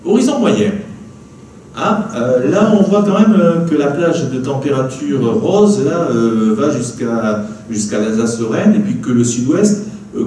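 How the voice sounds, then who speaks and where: Lively southwestern French man lecturing. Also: medium pitch. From southwest France. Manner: lively, chatty, peppered with "hein" and "d'accord". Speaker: meteorologist giving a public talk. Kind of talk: public lecture with slides. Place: archive building lecture room. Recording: echoey room, from a distance, faint noise.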